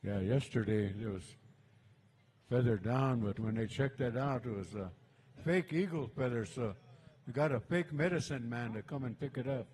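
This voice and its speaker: A man's voice: medium pitch, normal speed, darkish tone, slightly rough. A man working as a powwow emcee, giving informal, off-the-cuff live announcements and calls.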